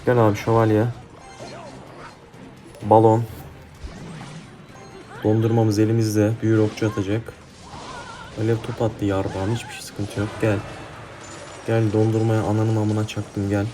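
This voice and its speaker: A man's voice: lowish voice, completely flat delivery, unhurried, long pauses, warm tone. A young man commentating his own mobile game match, swearing heatedly and trash-talking his opponents. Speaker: gaming YouTuber. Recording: faint game music behind.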